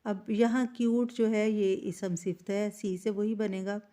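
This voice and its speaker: Woman teacher, unhurried and patient, warm low-key voice walking through workbook answers. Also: level tone. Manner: slow and explanatory, reads English sentences aloud word by word. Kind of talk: explaining an English workbook lesson.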